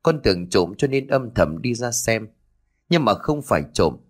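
A man's voice: lowish voice, sing-song, moderate pace, breathy edge. A man voicing an earnest young village man who gives urgent, pleading testimony through tears.

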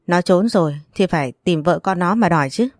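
A woman's voice: lowish voice, a little fast, no room sound, clean studio sound, faint music behind, close to an everyday voice. A woman voicing a crude, threatening male loan-shark thug in a read-aloud story. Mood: menacing. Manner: threatening, coarse.

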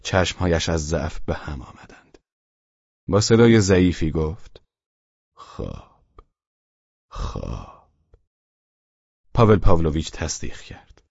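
A man narrating a novel as an audiobook, reading in a steady, measured way, in a dull lo-fi recording. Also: low-pitched, slightly rough, no room sound.

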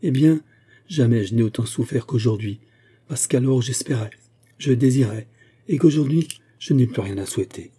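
A man's voice: medium pitch, moderate pace, warm tone, breathy edge, close to an everyday voice. A man voicing a grief-stricken, remorseful young noblewoman in an audiobook, speaking in an anguished, pleading way. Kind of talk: audiobook character reading.

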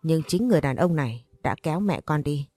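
A bitter, estranged father spits out accusations to his daughter in a low, mellow tone, with a woman reading his lines. The sound is close and dry. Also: lively intonation, brisk, no echo.

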